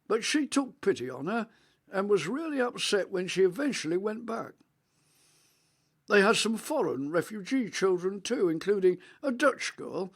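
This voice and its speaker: A man, playing a rambling, reminiscing elderly grandfather on a video call in a radio monologue; his voice is rich and melodious, with halting restarts. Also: high voice, exaggerated voice. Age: 80s.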